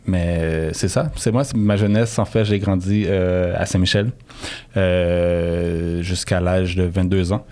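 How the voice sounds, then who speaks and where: A man's voice: deep voice, steady tone, slow, mellow. A middle-aged man with a Québécois French accent, a guest chatting casually in an interview, rambling with many restarts and fillers. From Quebec, Canada.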